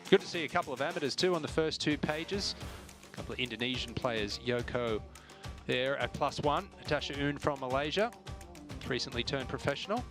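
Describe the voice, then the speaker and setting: A man's voice: medium pitch, expressive, a little fast, over music. A man giving live television golf commentary as a commentator.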